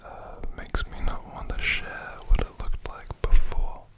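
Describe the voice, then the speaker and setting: An ASMR host rambling in a whisper, ear to ear, right up close to stereo microphones, with long drawn-out pauses.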